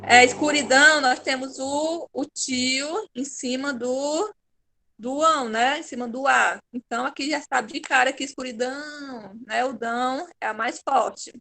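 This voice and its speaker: Brazilian woman teacher, high bright voice, patient and encouraging, online class. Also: unhurried, gravelly. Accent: Brazilian Portuguese. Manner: patient, encouraging, praises pupils by name.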